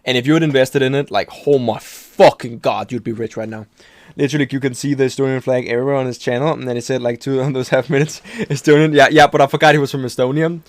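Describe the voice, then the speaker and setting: A man's voice: medium pitch, fairly even intonation, fast talker, no echo. A man talking loosely over a video he is reacting to, with a dry, close sound. He rambles, swears constantly and trips over his own sentences. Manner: rambling, profane, restarts often, laughs at himself. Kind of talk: casual reaction commentary.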